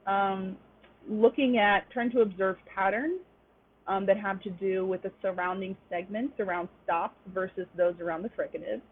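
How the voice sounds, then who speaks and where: A young adult woman with a medium-pitched, steady voice teaches a webinar class at a moderate pace. She explains things step by step in this online lecture, using "um" often, and the audio is tinny and lo-fi.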